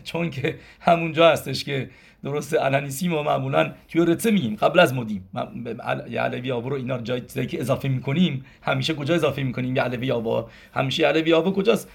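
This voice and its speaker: A man's voice: mid-range voice, creaky, breathy edge. A man teaching a religious lesson as a rabbi, explaining step by step and asking questions that he answers himself. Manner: explanatory, counts gematria aloud, asks and answers himself. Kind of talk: Torah lesson in Persian.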